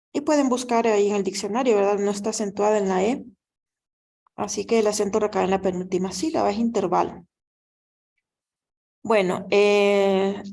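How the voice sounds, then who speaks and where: A woman's voice: medium pitch, vocal fry, a little mellow. A woman teaching a math class in a patient, step-by-step way, often checking in with the students. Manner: patient, explanatory, often asks "¿verdad?". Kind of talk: recorded class lecture.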